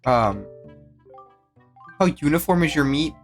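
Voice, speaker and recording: A man's voice: on the high side, animated, slow pace, soft background music. A man co-streaming a video game in casual chat, laid-back and answering with short dry quips.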